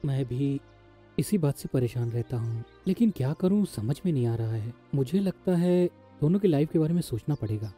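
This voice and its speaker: Thoughtful young man, film dub, very mellow tone, medium pitch, hesitant, considerate. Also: expressive, normal speed, slightly rough, soft background music. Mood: thoughtful concern. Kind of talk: dubbed film dialogue.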